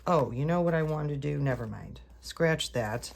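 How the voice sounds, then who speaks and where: Decorating a planner, a vlogger rambles casually to her viewers, correcting herself as she works. Her deep, gravelly voice has lively intonation and a moderate pace, though she's congested and sounds a bit off.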